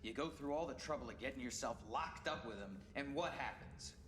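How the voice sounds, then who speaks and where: A man's voice: mid-range voice, lively intonation, a little fast, a bit bright, lightly acted. An actor playing a menacing, corrupt male prison guard, contemptuous and threatening, in a dramatic video game. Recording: echoey, very noisy room ambience.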